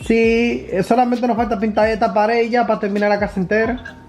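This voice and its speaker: A man's voice: very high-pitched, little pitch movement, fast talker, darkish tone. A man in casual conversation. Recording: music over conversation.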